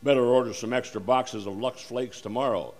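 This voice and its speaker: A man playing a polished 1940s radio announcer who gives a formal, smooth sponsor pitch in old radio style. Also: steady tone, fairly quick, lightly acted. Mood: upbeat.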